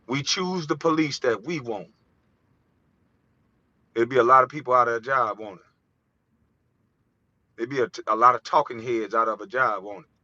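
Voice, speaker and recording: A man's voice: medium pitch, moderate pace, pauses often, bright, forceful tone, dry recording. A man from the United States delivering an impassioned, profane vlog monologue, heated and preachy. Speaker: vlogger. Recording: dull, dry lo-fi recording.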